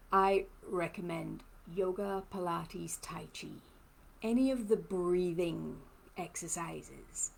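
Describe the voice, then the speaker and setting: In a rough recording, a Trinidadian woman speaks in a voice on the low side with vocal fry. She is a lymphoedema therapist with a blended, hard-to-place accent who chats personally on a live stream, responds to viewer comments and laughs a lot.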